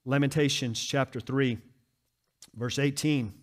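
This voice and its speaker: A male pastor preaching a sermon in church, dropping to hushed, quiet lows and rising to loud, urgent exhortation. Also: fairly even intonation, measured pace.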